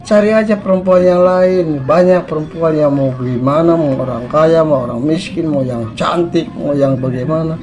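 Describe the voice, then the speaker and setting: A man's voice: on the high side, normal speed, hardly any pauses, close to an everyday voice. A man voicing a proud, easily offended wealthy village man. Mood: scolding.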